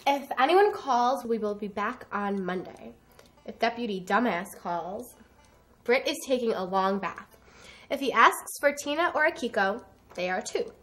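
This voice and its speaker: A woman's voice: fairly high pitch, animated, measured pace, fairly bright tone. An actress playing a young sorority girl who answers with sly, falsely polite cover stories.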